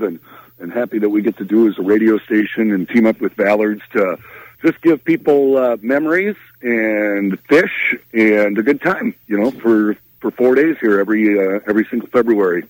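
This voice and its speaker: A man's voice: fairly low pitch, normal speed, no room sound, low-quality recording. A man with a Minnesota accent, chatting casually on the radio from a fishing trip, easygoing and full of fillers. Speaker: radio host on remote from ice fishing trip. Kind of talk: casual radio phone-in chat.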